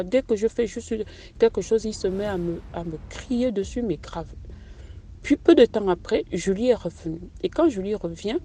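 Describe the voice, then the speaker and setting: A woman's voice: fairly low pitch, dark tone, slight background noise. A middle-aged woman tells a personal story in a hesitant, conversational way, full of fillers and restarts. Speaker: storyteller sharing a personal testimony. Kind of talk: casual spoken testimony.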